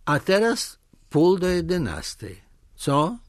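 Man reading as a bullying district chief, shouting threats, pitch swinging high and low, dry close sound. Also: huge pitch swings, slow pace, no echo, heavily acted. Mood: angry. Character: blustering male district chief, bullying official.

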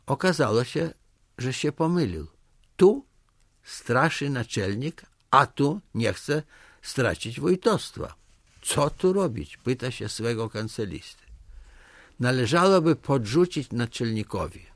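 Man, storyteller, slow measured reading, lively pitch, dry close sound. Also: no echo. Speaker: narrator. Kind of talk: storybook narration.

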